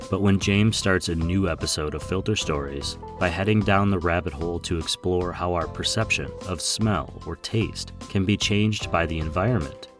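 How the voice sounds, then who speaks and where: A man hosting a coffee podcast, reading a scripted, upbeat introduction and sponsor message. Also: low-pitched. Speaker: podcast host.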